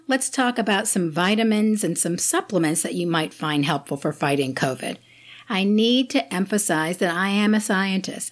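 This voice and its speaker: A woman physician hosting a health talk, explaining remedies in a clear, lightly joking way. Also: lowish voice. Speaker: physician host. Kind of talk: health advice talk to camera.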